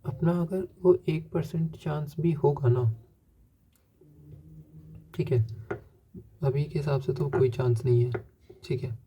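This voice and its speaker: A man's voice: fairly high pitch, flat delivery, takes it slowly, pauses often, warm tone, slight background noise. A young man talking through his feelings in a rambling, self-searching personal monologue, often checking himself with a filler. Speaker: vlogger.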